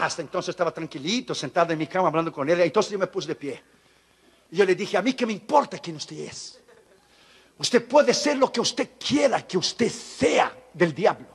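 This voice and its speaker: A man preaching a sermon, telling a story with lively, acted-out dialogue. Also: high-pitched, vocal fry, husky. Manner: animated storytelling, acting out dialogue. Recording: live sermon in a reverberant hall.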